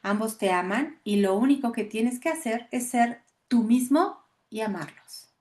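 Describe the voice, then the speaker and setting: A woman's voice: on the high side, a little slow, a little mellow, close to an everyday voice. A woman reading the lines of a kind, reassuring spiritual teacher.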